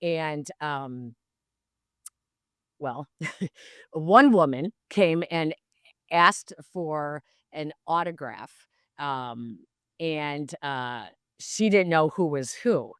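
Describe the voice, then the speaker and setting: Low-voiced, chatty woman broadcaster in her fifties. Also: extremely slow, long pauses, clean tone, dry recording, clean studio sound. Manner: animated, rambling with many fillers. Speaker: sports broadcaster, podcast guest. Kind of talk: casual anecdotal storytelling.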